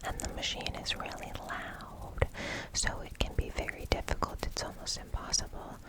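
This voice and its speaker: A woman giving an ASMR science explainer in a breathy whisper, often repeating single words softly for tingly effect. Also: normal speed. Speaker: ASMR host explaining research.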